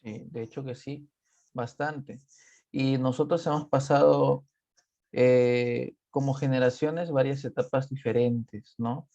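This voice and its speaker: A man speaks calmly in measured phrases, thinking out loud in a relaxed chat. His voice is mellow and warm at a middle pitch. The recording sounds dull and lo-fi. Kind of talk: casual conversation.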